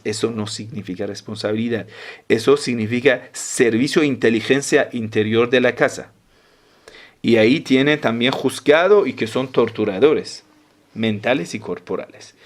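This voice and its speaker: Male cleric, mid-pitched, repetitive teaching delivery with sharp emphatic rises. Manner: explains step by step, repeats key phrases, often acts out parents' words. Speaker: sheikh giving a religious talk on parenting. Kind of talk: lecture-style religious talk.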